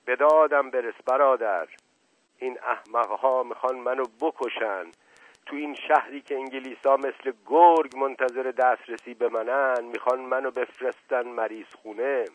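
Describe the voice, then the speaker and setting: A man voicing a paranoid, bedridden old uncle who shouts in indignant fury. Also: mid-range voice, fairly even intonation, no echo, highs cut off, pitched above the performer's own voice, close to an everyday voice. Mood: pleading.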